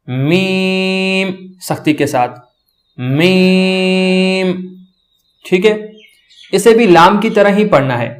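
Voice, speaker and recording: Man, high voice, alphabet teacher, slow drawn-out letter sounds, patient repetition. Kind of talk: children's reading lesson.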